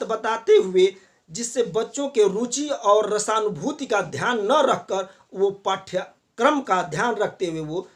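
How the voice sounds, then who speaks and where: A man teaching a college class, explaining points step by step and repeating filler phrases often. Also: sits high. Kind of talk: classroom lecture on Hindi pronunciation.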